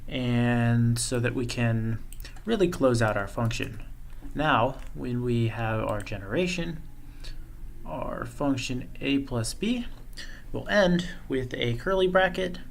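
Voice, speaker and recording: A man presenting a coding tutorial, thinking aloud in a relaxed way as he walks through code on screen. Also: medium pitch, slow pace, gravelly, a little hiss or hum. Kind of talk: screen-share coding walkthrough.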